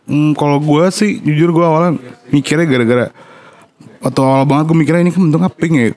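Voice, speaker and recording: A man's voice: on the high side, fairly even intonation, fast talker, darkish tone. A man, a voice actor, chatting casually and playfully in a Q&A about voicing his character. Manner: playful, joking. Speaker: voice actor and co-host. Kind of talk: casual Q&A chat.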